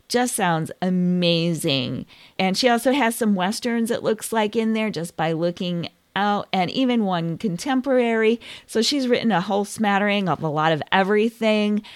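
A woman's voice: on the low side, no room sound, studio quality. A woman hosting a book podcast, chatting enthusiastically about novels she recommends. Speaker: podcast host. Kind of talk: casual book recommendation talk.

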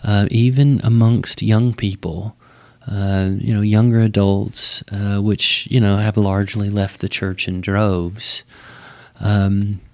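A man with a West Texas twang, explaining things conversationally and thoughtfully like a pastor, often pausing mid-phrase. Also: on the low side, darkish tone. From West Texas, United States. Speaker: Baptist pastor.

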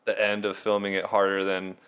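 Laid-back young man, smooth low voice. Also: monotone, a little fast, a bit bright. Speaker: video editor and filmer. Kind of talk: casual chat.

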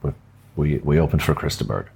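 An older musician from Sligo, Ireland, with a west of Ireland accent, tells anecdotes casually and hesitantly as a podcast interview guest in a furnished upstairs room of a venue. His bass voice is gravelly, a little mellow, and breathy-edged, with lively intonation and a brisk pace.

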